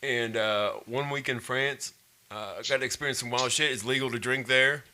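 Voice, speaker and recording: A man's voice: mid-range voice, steady tone, moderate pace, heavy background noise. A man co-hosting a casual podcast, joking and teasing his friends in a mock-formal way. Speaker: podcast co-host.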